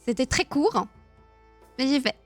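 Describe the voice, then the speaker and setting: Woman live-streamer, fairly high voice, casual chat, frequent laughter, faint music behind. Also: animated, measured pace. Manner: chatty, laughs often, many fillers and restarts. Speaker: streamer hosting a live about Tolkien.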